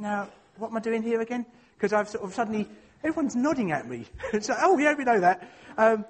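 A man with an Essex accent giving an informal sermon with personal anecdotes, in a hesitant, self-deprecating, chatty way. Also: sits high. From Essex, England. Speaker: church speaker.

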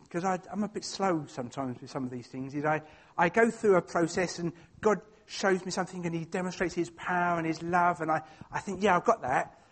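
This man, from Essex, England, has an Essex accent and a notably high voice for a male speaker. Informally and chattily, he shares personal anecdotes with a church, poking fun at himself and often hesitating as he navigates a thought.

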